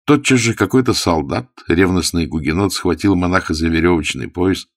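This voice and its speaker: A man reading a classic novel aloud in measured storytelling. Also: low-pitched, no echo, clean studio sound. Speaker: narrator.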